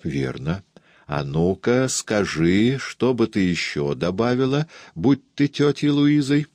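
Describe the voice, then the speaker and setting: Casting: fussy kindly aunt, chattering and confiding, raised pitch, voiced by a man; dry close recording. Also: big pitch swings, takes it slowly, darkish tone, no room sound.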